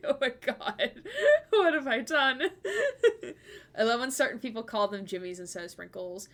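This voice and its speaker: Speaking a little slowly in a fairly high, slightly bright voice, a woman in her 20s chats casually on a livestream. She's giggly and self-deprecating, laughing frequently while talking.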